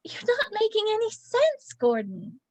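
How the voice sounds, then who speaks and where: A woman's voice: extremely high pitch, huge pitch swings, a little slow, exaggerated voice, rough recording. A woman reading the part of a prim, indignant member of a village drama group. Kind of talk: amateur play reading. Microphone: video call.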